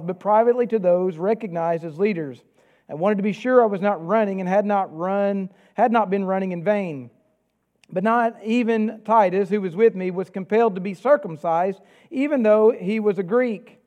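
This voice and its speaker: His voice pitched high, a man with a Southern accent reads scripture, prays and preaches with measured earnestness. The sound is lo-fi.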